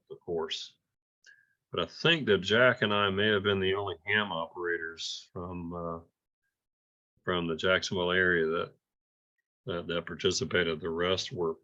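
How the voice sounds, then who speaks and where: The muffled, dull recording captures a man reporting informally at an amateur radio club meeting. His low voice has a bright, forceful tone, yet he hesitates, halts and repeats words often.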